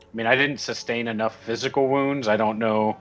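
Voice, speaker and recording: Low-key man on a muffled mic. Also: fairly even intonation, brisk, a bit bright. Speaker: player. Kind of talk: tabletop play. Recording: dull lo-fi mic, faint piano.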